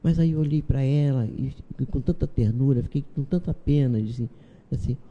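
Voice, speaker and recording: A Brazilian man, a doctor, speaking as an interview guest and telling anecdotes calmly, acting out the dialogue in them. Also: mid-range voice, moderate pace, dull audio. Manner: storytelling, acts out dialogue from anecdotes. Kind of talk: calm spiritual interview talk. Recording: long reverb on the voice.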